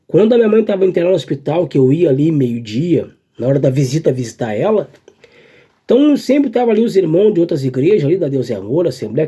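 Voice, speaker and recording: Man, church testimony, high voice, mellow, earnest, halting repetitions. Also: husky. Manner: earnest, halting, repeats phrases. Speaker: church member giving a testimony.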